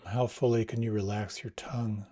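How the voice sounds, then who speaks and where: A man leading a guided meditation, giving slow, soft, soothing instructions. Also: lowish voice, flat delivery.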